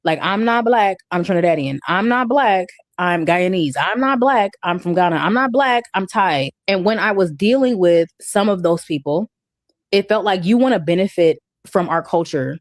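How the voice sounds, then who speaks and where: An American woman giving a steady, reflective commentary while telling personal stories. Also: fairly low pitch, normal speed, no room sound, studio quality. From United States. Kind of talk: casual commentary.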